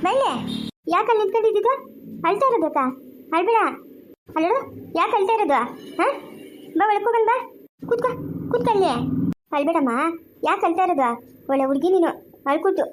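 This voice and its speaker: A woman playing a kindly village mother with a rural Chikkaballapur Kannada accent, coaxing and soothing a girl with loud, repeated questions in a homemade family skit. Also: very high voice, lively intonation, fairly quick, pauses often, a little hiss or hum.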